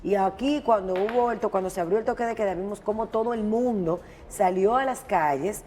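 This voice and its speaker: A woman's voice: medium pitch, brisk, dark tone. A woman with a Dominican accent commenting on the news as a talk show co-host. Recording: reverberant room with background noise.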